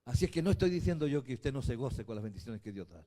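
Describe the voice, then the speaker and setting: A man, a bishop preaching a sermon, who swings from quiet, slow passages to shouted emphasis. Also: medium pitch, lively intonation. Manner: spells out words slowly.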